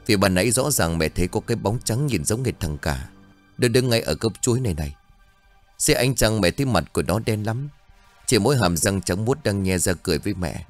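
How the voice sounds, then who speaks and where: A man's voice: fairly low pitch, expressive, fairly quick, soft background music, lightly acted. A man voicing a grieving, frightened old village mother who speaks in trembling, wailing pleas, raised above his own voice. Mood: anxious.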